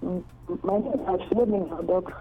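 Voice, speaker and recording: A woman calling in to a radio show over a clipped phone line, giving short, halting answers. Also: lowish voice, husky. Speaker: caller. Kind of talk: call-in to a radio jobs show. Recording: muffled phone call.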